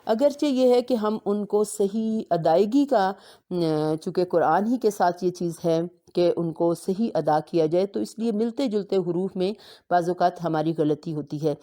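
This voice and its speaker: A woman teaching Quran recitation in a lowish, mellow voice. She explains at a steady pace and slows down to recite the Arabic verses with care. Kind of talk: religious lesson.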